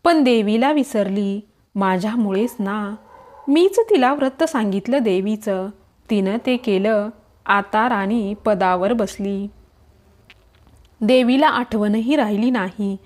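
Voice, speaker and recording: A woman's voice: mid-range voice, takes it slowly, a little mellow, close to an everyday voice. A woman voicing a poor, angry old woman in a devotional story reading. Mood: bitter scolding. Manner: scolding, bitter.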